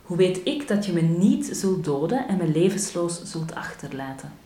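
A woman's voice: lowish voice, big pitch swings, moderate pace, mellow, a little hiss or hum. A woman reading as a defiant young maiden. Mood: wary. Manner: defiant, questioning. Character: bold defiant village maiden. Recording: roomy echo.

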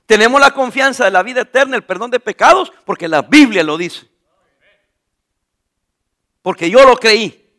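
High-voiced, lively preaching pastor. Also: male voice, normal speed, pauses often. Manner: preacher asking questions and answering them himself; repeats key phrases for emphasis. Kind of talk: sermon.

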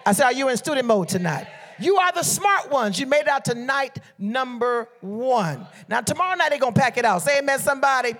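A man's voice: extremely high pitch, expressive, a little fast, fairly bright tone. A middle-aged man from Liberia, preaching a sermon with fervent call-and-response exhortations to the congregation.

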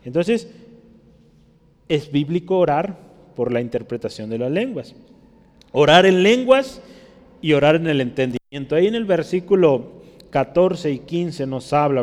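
A man teaches a Bible lesson from the pulpit, his voice sitting a little higher than most men's. He explains patiently and keeps checking in with tag questions. The recording carries a long reverb from a large hall. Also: darkish tone. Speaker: pastor teaching a Bible study. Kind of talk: teaching sermon.

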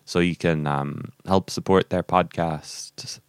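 An Irish podcast host with a low, steady voice talks slowly and smoothly in a casual, rambling interview chat, hesitating and correcting himself along the way. The recording is dry and studio quality.

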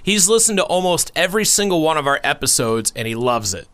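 Excitable bright-voiced young man. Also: fairly high pitch, a little fast. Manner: excitable, bursts into loud shouts and laughs. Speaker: podcast co-host. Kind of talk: casual podcast chat.

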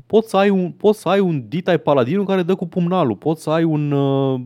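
A man's voice: fairly high pitch, darkish tone. A man co-hosting a casual gaming podcast, talking easily and reading listener comments aloud. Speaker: podcast co-host.

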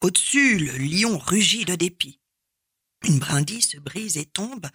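Woman, storyteller, husky voice, unhurried, expressive, dramatic pauses, repeated refrains. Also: lowish voice, dry recording, studio quality. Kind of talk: storytelling performance of a folk tale.

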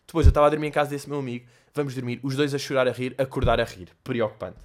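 A young man with a European Portuguese accent hosting a casual solo podcast, telling animated, slangy stories and laughing as he goes. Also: mid-range voice, racing. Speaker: podcast host and comedian. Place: bedroom.

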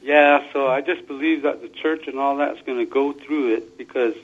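A man's voice: mid-range voice, fairly even intonation, moderate pace. A man calling in to a talk show over a phone speaker, speaking earnestly and restarting small phrases as he argues his points. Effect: phone speaker line. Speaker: call-in caller. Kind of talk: call-in talk show chat. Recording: muffled lo-fi phone call.

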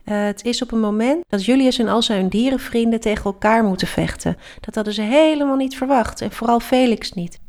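High, lively woman hosting a kids' podcast. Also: fairly quick, hardly any pauses. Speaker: host of a children's book podcast. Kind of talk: reading aloud and interviewing a child.

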